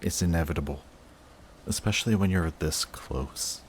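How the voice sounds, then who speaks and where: Very deep male voice, actor as lovestruck guarded villain, halting and emotional, intimate audio roleplay, noticeable background noise. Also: close to an everyday voice. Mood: flustered. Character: lovestruck male villain, guarded, flustered, confessing love to rival.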